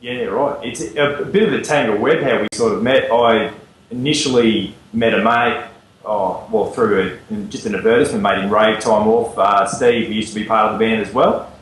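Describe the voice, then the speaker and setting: A man's voice: fairly low pitch, moderate pace, reverberant, slight background noise, poor audio. An Australian man, a band's lead singer, talking in a cheeky, laid-back way and telling stories in an interview. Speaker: lead singer and guitarist, guest. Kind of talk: casual interview chat.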